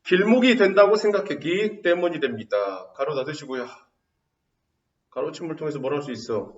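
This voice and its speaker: A man teaching a high school Korean literature class, quizzing students with quick rhetorical questions. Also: expressive. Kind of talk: lecture. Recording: roomy, dull, distant mic.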